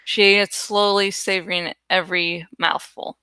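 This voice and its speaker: Her voice is lowish, sharp, clear and resonant, with fairly even intonation at normal speed and no echo. She is an online creator and host rambling casually as she works on a graphic, thinking aloud, swearing and sometimes searching for words.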